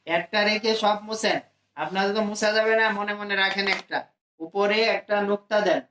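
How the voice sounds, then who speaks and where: A man teaching adults to read the Quran, drawing out each letter slowly for his students to repeat. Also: sits high, fairly even intonation, pushed and bright, roomy sound, a little hiss or hum, poor audio. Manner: slow, drawn-out letter drills for students to repeat. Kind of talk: adult Quran reading lesson.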